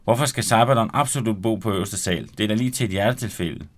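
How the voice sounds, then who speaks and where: A man voicing a brash, excited young man who is loud and crude. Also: lowish voice. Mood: brash, rowdy. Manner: loud and pushy.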